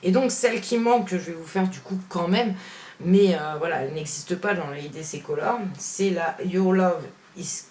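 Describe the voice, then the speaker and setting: A woman beauty vlogger comparing makeup on camera, chatting frankly with viewers and filling pauses with fillers. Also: lowish voice, darkish tone. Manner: chatty, hesitant, full of "voilà" and "hein" fillers; frank, opinionated. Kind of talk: casual product comparison vlog.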